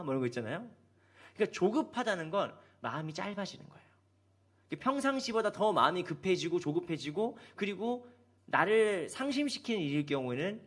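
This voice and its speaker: Man, pastor, sunday sermon, animated, swooping pitch, acts out complaints. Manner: asks the congregation questions. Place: church sanctuary.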